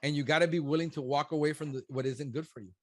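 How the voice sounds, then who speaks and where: A business consultant in his fifties who works with pest control companies gives blunt, emphatic one-on-one coaching. His voice is a little high with a steady tone, and he talks at a quick pace.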